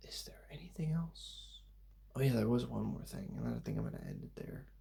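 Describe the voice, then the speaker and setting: A young man talking softly in a loose, meandering ASMR ramble, laid-back and full of fillers. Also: fairly low pitch, wildly swooping pitch, fairly quick, creaky, breathy edge. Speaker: ASMR channel host. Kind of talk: soft-spoken ASMR rambling.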